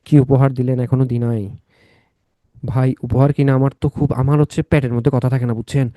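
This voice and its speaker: A man's voice: mid-range voice, little pitch movement, brisk, mellow, dry recording. A young man giving an exam-prep literature lecture, repeating key facts and breaking off into joking asides to his students. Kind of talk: live online lecture with banter.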